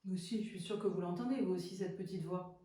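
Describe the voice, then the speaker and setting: A woman's voice: fairly low pitch, quick pace, mellow. A woman sophrology coach giving a chatty, hesitant instructional talk to viewers. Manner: chatty and hesitant, many fillers and restarts. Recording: very echoey room, far from the mic.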